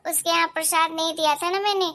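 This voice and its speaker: A strict older mother-in-law, as a woman puts her on for a cartoon story. She gives orders in a firm, instructing way. The voice is pitched very high. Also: steady tone, fast talker, sharp tone, full character voice. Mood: bossy. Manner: instructing, commanding.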